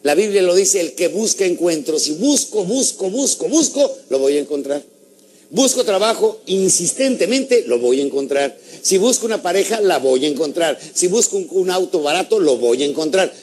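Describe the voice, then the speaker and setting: A man giving a lively motivational talk, asking his audience questions and acting out little stories. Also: sits high, moderate pace. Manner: animated, asks the audience questions, acts out stories. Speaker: motivational speaker.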